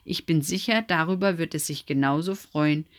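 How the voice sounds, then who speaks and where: A woman's voice: sits low, normal speed, natural voice. A woman voicing a wise, helpful female owl who guides the other animals, speaking eagerly in a raised voice. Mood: explaining.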